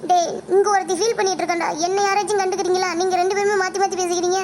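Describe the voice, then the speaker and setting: Lady voicing a squeaky rapid-fire cartoon girl, whiny and teasing. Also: little pitch movement, a little mellow, slight background noise. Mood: complaining. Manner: complaining, teasing. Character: chatty teen girl friend, loud and sulky. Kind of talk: cartoon voice acting.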